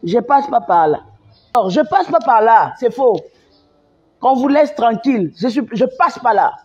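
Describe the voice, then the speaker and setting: Une femme avec un accent congolais qui s'emporte en direct sur son live, répète ses phrases avec insistance et passe du français au lingala. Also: female voice, on the high side, expressive, normal speed, darkish tone, slightly rough. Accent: Congolese French. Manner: emphatic and repetitive, mixing French with Lingala. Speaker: live-stream host. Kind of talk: impassioned live-stream rant. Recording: dull lo-fi sound.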